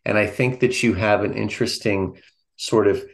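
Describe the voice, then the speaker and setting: Low-voiced man thinking aloud. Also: steady tone, vocal fry. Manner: halting, restarts often while thinking aloud. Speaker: podcast co-host. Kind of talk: casual philosophy discussion.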